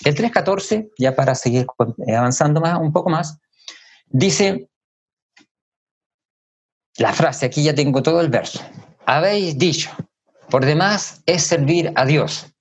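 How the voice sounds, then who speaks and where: A man preaching a sermon in a measured way, repeating key phrases for emphasis and pausing to think aloud. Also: on the high side, animated, breathy edge.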